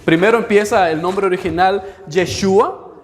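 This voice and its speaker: A man preaching a sermon to a congregation, teaching as he goes, quizzing his listeners and having them repeat words after him, and slowing down whenever he reads scripture aloud. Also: sits high. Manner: slows down when reading scripture aloud. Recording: long hall reverb.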